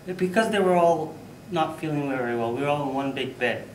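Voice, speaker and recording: A man's voice: on the high side, a little fast, a little hiss or hum. Man telling a funny story in a hall. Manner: animated, loud bursts for sound effects. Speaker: contest speaker. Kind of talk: humorous storytelling speech. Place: hall at speech contest. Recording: echoey hall, mic from far off.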